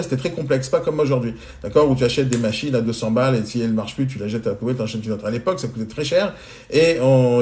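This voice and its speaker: Fast-talking man telling a story. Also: medium pitch. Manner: animated, colloquial, addresses listener directly. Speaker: entrepreneur answering questions on a live stream. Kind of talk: casual anecdotal storytelling. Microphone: phone mic on a live stream.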